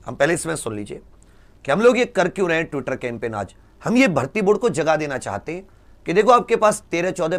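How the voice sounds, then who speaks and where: A man with a slightly high voice, a coaching teacher, speaks directly to students in an emphatic, exhorting way, using rhetorical questions and repeated phrases.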